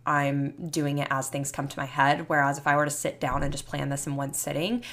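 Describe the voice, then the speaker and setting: Speaking fairly quickly with a flat delivery, a podcast host in her mid twenties rambles casually through her solo show, full of youthful filler. Her voice is low but fairly bright in tone.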